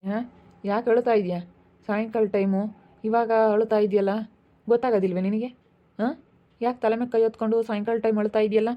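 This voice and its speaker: A woman's voice: a little high, steady tone, a little fast, pauses often. Nagging woman. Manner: scolding, nagging. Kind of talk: home-made village drama acting. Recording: dull lo-fi sound.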